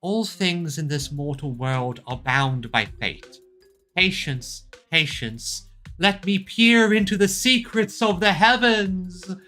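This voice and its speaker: A man voicing a calm, theatrical young fortune teller with a solemn, oracular manner in a video game read-aloud. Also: high-pitched, slow, faint music behind, pitched above the performer's own voice, exaggerated voice.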